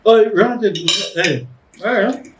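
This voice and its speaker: A man's voice: sits high, takes it slowly. A man with a Caribbean accent bantering casually during a food challenge, teasing and boastful. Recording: roomy, distant mic, faint background noise.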